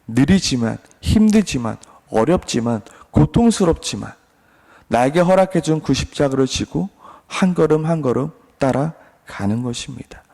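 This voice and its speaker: A pastor preaching an earnest sermon, asking repeated rhetorical questions. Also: male voice, mid-range voice, vocal fry, darkish tone. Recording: long reverb.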